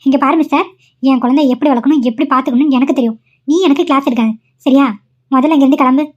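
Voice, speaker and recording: A woman voicing a short-tempered cartoon mother with a high voice who fires off her scolding lines quickly. Her delivery is harsh and cutting. The recording sounds dull and lo-fi. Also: steady tone, darkish tone, lightly acted. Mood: angry. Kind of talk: cartoon voice acting.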